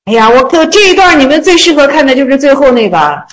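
A woman teaching Zen koans to a small group. She reads the classical lines slowly, then retells them in a chatty, joking way. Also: sits high, sing-song, low-quality recording. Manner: slow, measured reading of classical text, then chatty colloquial retelling; laughs and jokes with listeners.

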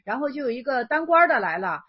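A woman's voice: high-pitched, sing-song, fast, breathy edge, lo-fi sound. A woman explaining an old Chan koan in a casual lecture, thinking aloud and correcting herself as she goes. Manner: thinking aloud, self-correcting, many fillers.

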